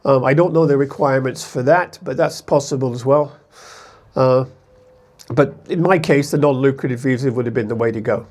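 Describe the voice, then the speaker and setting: An American man vlogs casually to camera as an expat, his mid-range voice brisk and slightly dark in tone. He rambles conversationally and often corrects himself.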